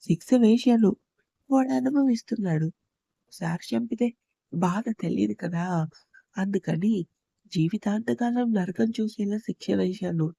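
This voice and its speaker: A woman's voice: mid-range voice, a little slow, creaky, long pauses, dark tone, breathy edge, dry recording. A woman narrator voicing a stern, brooding young husband who speaks curtly in a storybook. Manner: curt and firm.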